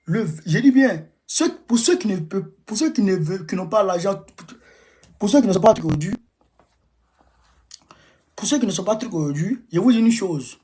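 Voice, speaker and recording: A man's voice: sits high, expressive, normal speed, long pauses, dark tone. A man from Côte d'Ivoire, rallying his followers from home in an emphatic, repetitive live-stream talk. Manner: emphatic, repeats phrases, exhorting. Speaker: livestream host rallying supporters. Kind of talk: casual live-stream address.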